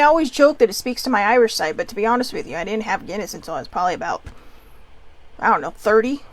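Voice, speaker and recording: A woman in her thirties from Hawaii does a casual oracle card reading at home. She speaks at medium pitch, chatty and rambling, with frequent asides.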